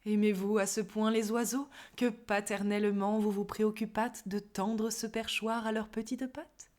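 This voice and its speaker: A woman's voice: mid-range voice, flat delivery, moderate pace, darkish tone, lightly acted. A woman playing a proud, witty, mocking swordsman, reciting theatrical verse in a hammy, declamatory stage manner with shifting tones. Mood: mock curious.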